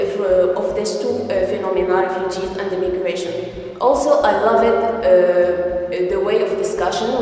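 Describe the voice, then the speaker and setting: A woman's voice: medium pitch, a little mellow. A young woman, a student, speaks earnestly, with frequent fillers as she reflects on a workshop. Her voice rings out in a large hall with a long, echoing reverb. A faint background hum sits beneath it. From Morocco. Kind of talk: spoken testimonial.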